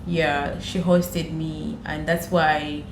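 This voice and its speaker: A Ugandan woman with a low-pitched, level voice speaks at a slow pace, sharing personal stories as a podcast guest. She repeats phrases for emphasis, and the room is echoey with clear background noise.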